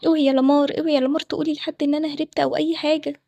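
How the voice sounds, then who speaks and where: Egyptian woman doing a panicky young bride, high voice, super fast, dry sound. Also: level tone, warm tone, dry recording. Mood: scheming. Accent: Egyptian Arabic. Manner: fast and pleading. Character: young runaway bride, desperate, pleading.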